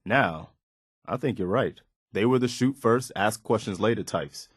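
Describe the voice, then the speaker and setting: Relieved and earnest, a loyal militia officer with firm morals from a video game speaks in a sincere, plain manner. His fairly low voice, close and dry with no room sound, has a breathy edge and a measured pace.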